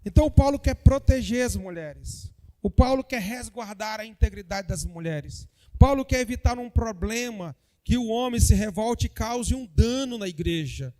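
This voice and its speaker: A man's voice: high-pitched, lively intonation, moderate pace, warm tone, big-room sound. A man teaching a church Bible lesson, talking straight to the congregation with joking asides and frequent tag questions. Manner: addresses the congregation directly. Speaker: Sunday school teacher.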